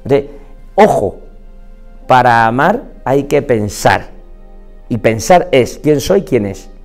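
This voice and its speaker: Lively Spanish doctor giving a talk. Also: male voice, medium pitch, slow pace, soft background music. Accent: Spain Spanish. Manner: expressive, quoting people in lively voices. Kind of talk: motivational talk. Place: indoors, filmed talk.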